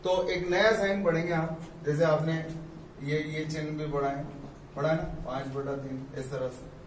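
A physics teacher gives a classroom lecture, explaining step by step and repeating terms slowly. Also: male voice, on the high side, steady tone, a little hiss or hum. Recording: echoey room, mic far off.

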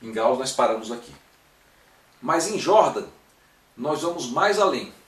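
A man leads a math lesson one step at a time, pausing often to check on his students. His mid-range voice is very animated, yet he keeps a measured pace. The classroom-style lecture was recorded in an echoey room with a distant mic.

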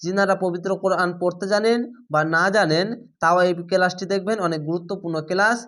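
A man teaching a Quran recitation lesson. He spells each word letter by letter, recites it slowly and drawn out, and patiently repeats the rules, sometimes quizzing the viewer. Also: sits high, fairly even intonation, a bit bright.

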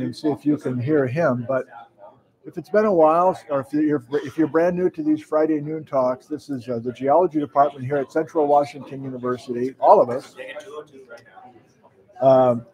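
A man's voice: fairly high pitch, darkish tone, low-quality recording. Chatty man hosting a university livestream. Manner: chatty, reads out viewers' hometowns. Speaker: host of a lecture livestream. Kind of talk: casual welcoming chat. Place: university lecture room. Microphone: mic worn by host.

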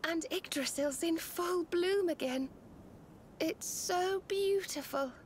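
A consoling young heroine in a game, high voice, slow deliberate delivery. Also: female voice, slight background noise. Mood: tender. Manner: soft, heartfelt, consoling. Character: gentle earnest young woman companion. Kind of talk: video game voice acting.

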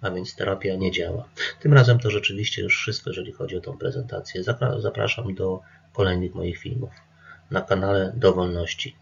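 A man, an addiction therapist, calmly explaining group therapy rules straight to the listener in an instructive presentation. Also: low-pitched, fairly quick, creaky, breathy edge, highs cut off. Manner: calm, instructive, addresses listener directly. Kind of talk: talking-to-camera presentation.

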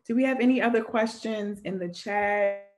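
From a home room with framed pictures on the walls, a young woman moderates an online Q&A webinar over a video call. Her medium-pitched, darkish voice moves at a normal speed as she explains admissions steps and reads out questions from the chat.

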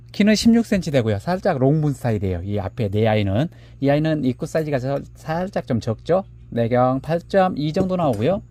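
A man presenting handmade succulent pots for sale, measuring each one aloud and calling the pots "little ones" in a gentle, unhurried way. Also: mid-range voice. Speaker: seller of handmade plant pots. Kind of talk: product showcase live sale.

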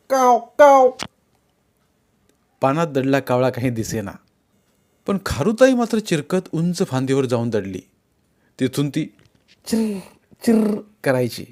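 A man reading a children's story aloud in an expressive storytelling manner, voicing characters and animal calls. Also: mid-range voice.

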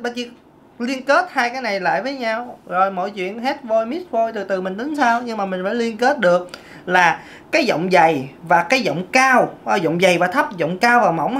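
A woman's voice: mid-range voice, fairly bright tone. A woman, a vocal coach giving a casual singing lesson and breaking off to demonstrate vocal sounds.

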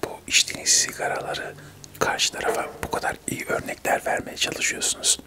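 A man in his thirties doing a whispered role-play of a testy TV debate, arguing insistently in a breathy whisper. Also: fairly quick. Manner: whispering throughout, argumentative, insistent. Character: testy male TV debate guests squabbling in whispers. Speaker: ASMR creator acting out a debate show.

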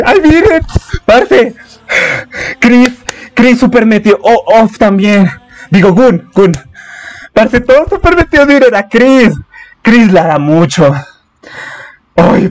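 A man with a Colombian accent hosting a reaction video, talking excitedly and exclaiming at his viewers. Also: high-pitched. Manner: animated, exclamatory, chatty with viewers.

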